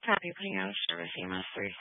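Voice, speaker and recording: A woman working as an emergency dispatcher, heard over an emergency radio channel, speaking in clipped, rapid radio procedure. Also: a bass voice, very animated, breathy edge, no echo. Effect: emergency radio transmission. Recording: narrow, dry radio channel.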